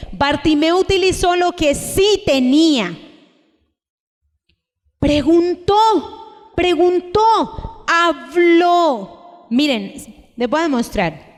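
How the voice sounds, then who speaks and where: Slow, emphatic woman preaching in a hall. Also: on the high side. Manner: emphatic, asks the congregation repeated questions; slow, deliberate delivery with sudden raised cries. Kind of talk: sermon. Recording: long echo of a large hall.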